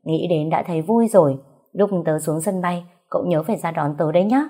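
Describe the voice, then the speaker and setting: A woman's voice: on the low side, a little fast, mellow, husky. Spoiled sweet rich girl chattering, pouty, chirpy, woman reading. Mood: bubbly. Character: bubbly pampered rich young woman.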